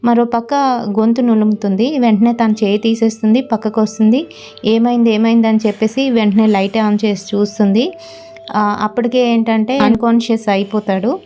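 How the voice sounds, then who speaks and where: Mellow-voiced woman telling a horror story. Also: fairly high pitch, fairly quick. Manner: relaxed, frequent "aa" fillers. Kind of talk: casual spoken horror storytelling.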